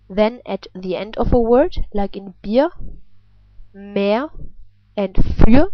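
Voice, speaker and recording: Slow-paced German woman teaching with throaty R. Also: mid-range voice, no room sound. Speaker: pronunciation teacher. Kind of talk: instructional language lesson. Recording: dull, lo-fi sound.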